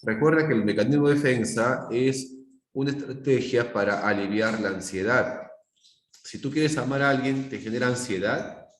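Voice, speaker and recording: A man's voice: mid-range voice, normal speed. Peruvian man teaching in an echoey room. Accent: Peruvian Spanish. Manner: explains with examples, often asks the class "¿se dan cuenta?". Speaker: psychology teacher. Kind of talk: live online class lecture.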